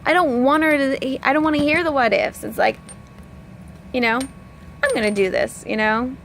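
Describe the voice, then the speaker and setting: A woman's voice: high voice, fairly even intonation, moderate pace, creaky, fairly bright tone, slight background noise. A woman coach talking in a casual, earnest way, rambling with lots of filler words and speaking openly about her feelings. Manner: rambling, full of "like" and "you know". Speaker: personal development coach. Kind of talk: casual heartfelt vlog talk.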